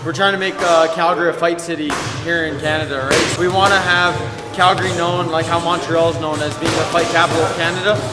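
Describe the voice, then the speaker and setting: A man who coaches at a boxing gym, answering interview questions in a plain, matter-of-fact way with filler pauses. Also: a little high, steady tone. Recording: echoey hall with loud music.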